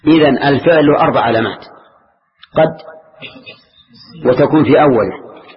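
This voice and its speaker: An older man gives a classroom grammar lesson. He is patient and questioning, and he repeats key words to drill them. His voice sits at a middling pitch on a dull, lo-fi lecture recording. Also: moderate pace. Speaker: Islamic scholar teaching grammar.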